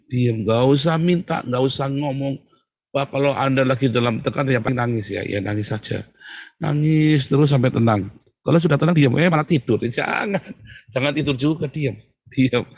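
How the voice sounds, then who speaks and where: A man preaches in a relaxed, conversational way, joking with his listeners. He leans hard on key words, then drops to a near hush when urging calm. His voice sits at an ordinary middle pitch. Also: vocal fry, no room sound. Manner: chatty, joking, swings between loud emphasis and hushed calm. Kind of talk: casual sermon.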